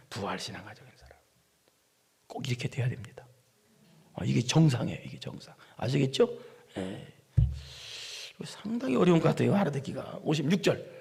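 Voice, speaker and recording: A pastor preaching a sermon in a church, reading scripture aloud and often asking the congregation questions. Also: male voice, high-pitched, gravelly, husky, big-room sound. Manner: reads scripture aloud after calling out "start".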